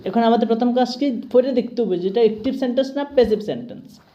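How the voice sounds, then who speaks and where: In a muffled recording, a woman with a fairly high but dark-toned voice teaches English grammar at a fast pace. She has a Tripura Bengali accent and patiently checks each step with "ঠিক আছে?".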